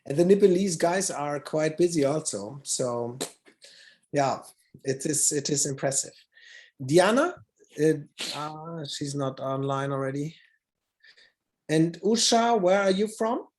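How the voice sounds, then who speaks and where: A conference moderator on a video call who talks haltingly, restarts often and drops in phrases from other languages. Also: medium pitch, lively intonation, darkish tone. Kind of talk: online video-call chat.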